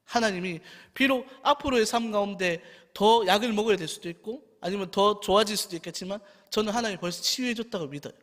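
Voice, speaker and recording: A man's voice: sits high, fast talker, hardly any pauses, fairly bright tone. A man preaching a sermon as a junior pastor, talking in an earnest, personal, pleading way. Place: church sanctuary. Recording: long church hall reverb with faint music.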